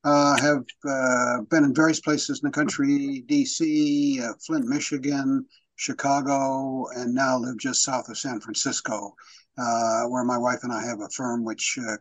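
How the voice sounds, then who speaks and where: A man's voice: medium pitch, flat delivery, normal speed, poor audio. Matter-of-fact man in his eighties. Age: 80s. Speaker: guest panelist.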